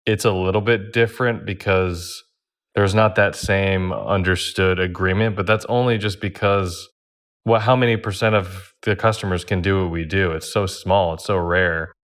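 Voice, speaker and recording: Laid-back man with a very deep voice. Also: steady tone, moderate pace, a bit bright. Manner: laid-back, laughs easily. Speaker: podcast panelist and advantage player. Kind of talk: casual roundtable discussion.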